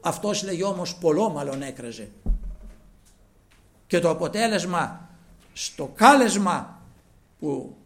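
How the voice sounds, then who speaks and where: Impassioned Greek-speaking preacher, lively pitch. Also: male voice, long pauses, slight background noise. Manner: impassioned, swings from loud emphasis to near whispers; addresses listeners as brothers. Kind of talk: sermon.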